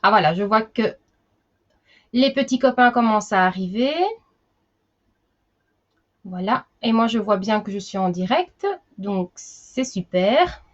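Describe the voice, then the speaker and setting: A woman's voice: medium pitch, lively intonation, unhurried, long pauses, dull audio. A woman teaching a live online class for young children, chatty, greeting each child by name.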